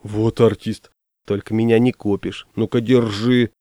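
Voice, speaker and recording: A man's voice: on the low side, little pitch movement, a little slow, mellow, no echo, clean studio sound, natural voice. A man voicing a friendly, fussy fish-keeping pal who talks in a coaxing, folksy way.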